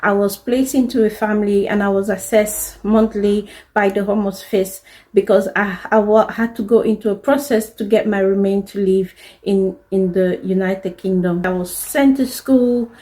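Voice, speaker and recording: A woman in her thirties, a native French speaker, talks straight to the camera about her own life. Her voice sits at a middling pitch, and her delivery is earnest, candid and heartfelt, like a personal video diary. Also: steady tone, normal speed, mellow, low-quality recording. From DR Congo. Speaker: fashion designer telling her life story.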